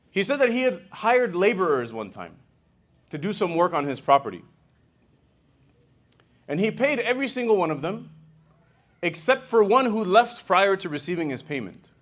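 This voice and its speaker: A man giving a sermon as an imam, retelling a hadith in an animated, conversational way with frequent "you know" and "right?". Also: high-pitched, a little slow, long pauses. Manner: animated storyteller, swings in loudness.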